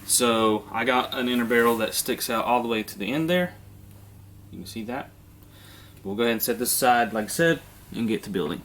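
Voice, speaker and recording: A man's voice: mid-range voice, brisk, a little hiss or hum. Congested man explaining a build. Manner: relaxed, step-by-step, casual fillers. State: congested from a sinus infection. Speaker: airsoft video host. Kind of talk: hands-on how-to demonstration.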